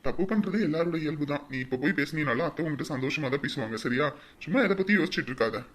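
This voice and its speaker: A man playing a fast-talking, earnest husband. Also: on the high side, lively intonation, fairly bright tone. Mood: soothing. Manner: earnest, reasoning, lecturing. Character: patient husband gently scolding his wife. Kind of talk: family drama acting.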